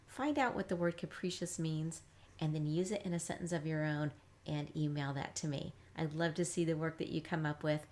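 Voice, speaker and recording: A woman's voice: low-pitched, darkish tone. Upbeat woman teaching phonics. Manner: sounds words out slowly, upbeat and chatty. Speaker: reading teacher, academy founder. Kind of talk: live phonics lesson.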